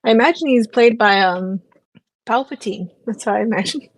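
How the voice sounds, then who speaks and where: A woman co-hosting a casual book-club podcast, giving short replies and quick laughs on a close mic. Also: on the high side, no room sound. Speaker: podcast co-host.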